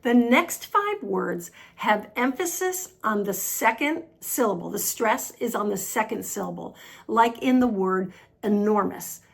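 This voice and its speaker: Slow, gravelly-voiced woman teaching pronunciation. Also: fairly high pitch, lively intonation. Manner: slow, deliberate word drills with repetition. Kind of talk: pronunciation lesson.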